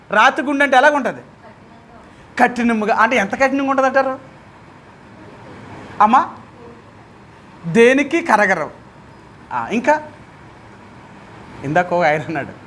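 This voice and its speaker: A man's voice: high-pitched, a bit bright, slight background noise. A man with a Telugu accent leading a Bible study as pastor, who keeps putting questions to his listeners and speaks with emphasis.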